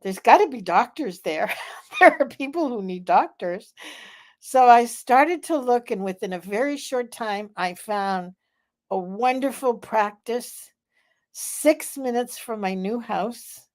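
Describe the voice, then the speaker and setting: A woman in her seventies hosting a live vlog, telling a story in a slow, chatty way with many fillers. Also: on the high side, animated, darkish tone. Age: 70s. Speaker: vlog host. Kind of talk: casual live vlog chat.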